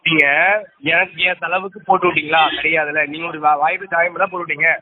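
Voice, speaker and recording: On a dry, tinny phone line, a male scheme recruiter speaks quickly in a slightly high voice with little pitch movement. Curt and dismissive, he brushes off her pleas with phrases like "remember that" and "madam."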